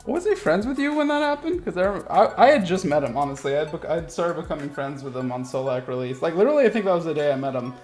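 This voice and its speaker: A man's voice: fairly high pitch, animated, quick pace, few pauses, darkish tone, faint music behind. A young man in casual gamer conversation, talking in bro-ish slang with some swearing. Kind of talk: casual chat.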